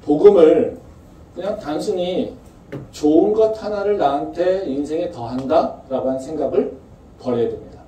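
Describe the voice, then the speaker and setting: A man's voice: a little high, moderate pace, mellow. A male pastor giving a conversational sermon with rhetorical questions, recorded from a distance in a church. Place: campus church sanctuary. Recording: echoey church room from far off, faint noise.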